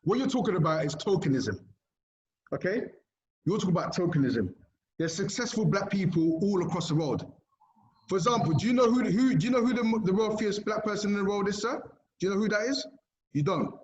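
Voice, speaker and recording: A man's voice: sits high, animated, fairly quick, a little mellow, slight background noise. A man, a community activist, giving impassioned interview answers and pressing his points with repeated tag questions like "okay?". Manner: emphatic, keeps asking "okay?" and "right?". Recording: roomy, dull lo-fi recording.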